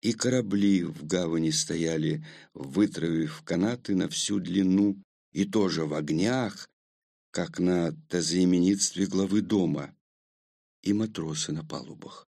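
A man reads a first-person story aloud in a slow, measured manner. His voice sits low with a gravelly edge, unhurried throughout. The sound is close and dry. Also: darkish tone, no room sound. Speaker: audiobook narrator. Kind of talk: first-person audiobook narration.

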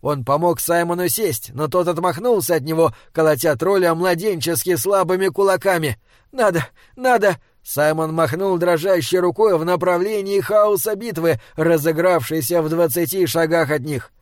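A man's voice: on the high side, moderate pace, hardly any pauses, no room sound. Man narrating an audiobook, dry close sound. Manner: steady storytelling reading. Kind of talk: scripted narration.

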